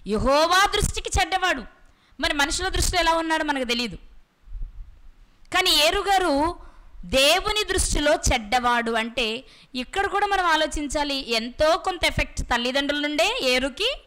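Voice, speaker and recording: Woman preacher, high bright voice, asks the room questions and answers them, slows down on key words. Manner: slows down to stress words and scripture. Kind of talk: Bible sermon.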